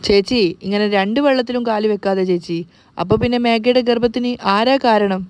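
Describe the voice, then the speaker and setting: A woman's voice: on the high side, brisk, darkish tone, clear, resonant tone, natural voice. Woman voicing a fretful, sarcastic uncle in a story recap. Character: worried middle-aged man, the uncle.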